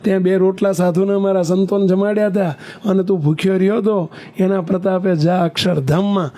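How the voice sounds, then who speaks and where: A man's voice: high-pitched, steady tone, fairly quick, dark tone, natural voice. A man voicing an elderly guru who gives kindly but firm instructions in a reassuring, commanding manner.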